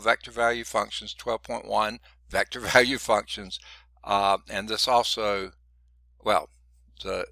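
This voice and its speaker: This middle-aged math instructor delivers a college classroom lecture in a medium-pitched, bright, forceful voice with vocal fry, captured in a dry recording. He's chatty and wanders off topic, sounds congested, and keeps checking in with "okay?"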